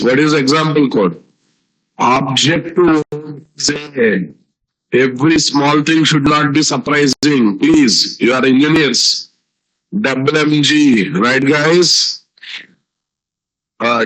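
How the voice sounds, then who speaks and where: A teacher with an Indian Telugu accent gives a live online programming lecture, repeating phrases and often checking in with students through questions. His voice is mid-range and a bit bright, captured in a low-quality recording.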